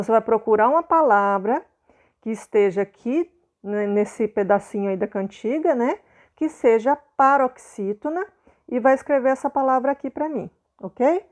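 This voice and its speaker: A woman's voice: on the high side, darkish tone. A Brazilian Portuguese-speaking woman teaching a primary school lesson patiently, often checking in with her pupils. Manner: patient, repeats points, checks in with "né?" and "ok?". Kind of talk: explanatory video lesson.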